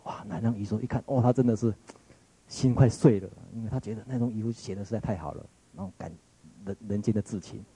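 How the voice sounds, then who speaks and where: A man's voice: mid-range voice, warm tone, breathy edge, dry recording, low-quality recording. A man with a Taiwanese Mandarin accent giving a reflective lecture, retelling a story in a musing way, often searching for words and restarting.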